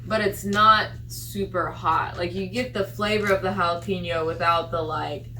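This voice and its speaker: Casting: woman, bright sharp voice, casual review panelist; slight background noise. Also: fairly low pitch, fairly even intonation, moderate pace, low-quality recording. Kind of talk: casual chat.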